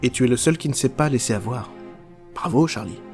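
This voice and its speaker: A foul-mouthed, unhinged chocolate factory owner rambles through his speech, mocking everyone around him and swearing freely, as a man plays him. His voice sits at an ordinary middle pitch with a casual, offhand delivery, set in a comic parody. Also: fairly quick, a little mellow, faint music behind, close to an everyday voice.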